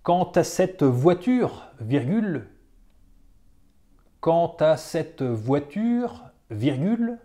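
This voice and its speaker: A teacher reads out a dictation in a warm, mid-range voice with big pitch swings. Each phrase is repeated several times with careful, deliberate phrasing, and the punctuation is called out.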